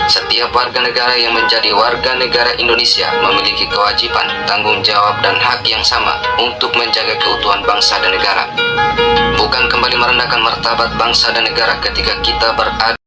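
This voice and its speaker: A man reading a formal documentary narration in a measured way. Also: on the low side, flat delivery, over loud music, poor audio. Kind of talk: scripted narration.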